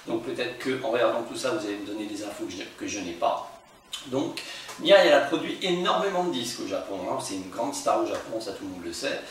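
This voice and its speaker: A man's voice: medium pitch, a bit bright, far from the mic, slight background noise. Chatty man in an echoey room. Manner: chatty, rambling with fillers and restarts. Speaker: record collector presenting albums. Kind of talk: casual video presentation to friends. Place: room at home.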